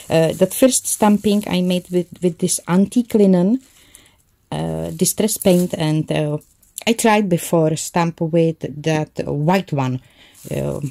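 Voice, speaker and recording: Slow, mellow-voiced woman crafting. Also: on the low side, gravelly, no room sound. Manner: thinks aloud while working, self-correcting. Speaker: craft channel host. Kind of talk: casual crafting tutorial.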